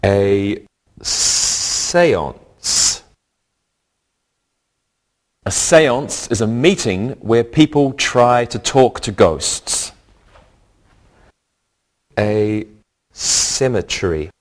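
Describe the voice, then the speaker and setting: A man teaching a scripted English lesson, speaking deliberately and repeating each word for learners. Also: fairly low pitch, expressive.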